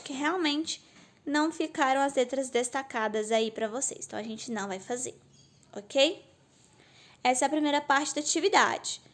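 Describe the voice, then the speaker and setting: High-voiced woman teaching a class. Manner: patient, explains step by step, asks and answers her own questions. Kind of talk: recorded remote class lesson.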